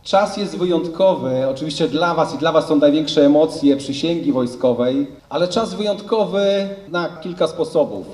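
A man's voice: on the high side, a little mellow, far from the mic. A man in command giving a formal military ceremonial address. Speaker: general, academy commandant. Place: large outdoor parade square. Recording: echoey PA, faint crowd noise.

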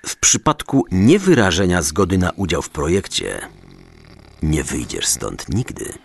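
An actor playing a stern, commanding Santa Claus who threatens in mock-formal phrases, in an audio drama. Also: male voice, low-pitched, big pitch swings, a little slow, creaky, slight background noise, heavily acted. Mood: menacing. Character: stern, menacing Santa Claus bent on forcing good deeds.

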